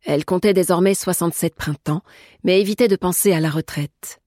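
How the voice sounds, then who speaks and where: A woman with a somewhat low, husky voice reads a novel aloud in a measured, even way. The recording is dry and close with no room sound. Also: no room sound. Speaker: audiobook narrator. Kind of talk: scripted narration.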